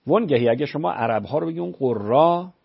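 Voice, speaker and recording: Raspy man explaining on call-in radio. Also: fairly high pitch, expressive. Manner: explanatory, patient, uses examples. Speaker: religious scholar answering callers. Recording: dull lo-fi radio broadcast.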